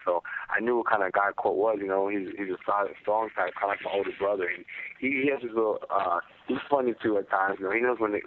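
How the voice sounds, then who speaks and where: A low-pitched man talks quickly and fairly evenly through a narrow telephone line. He is a fighter giving casual, slangy interview answers on a conference call. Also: dry recording. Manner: informal, frequent "you know" and "man". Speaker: fighter answering media questions. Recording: muffled phone conference line.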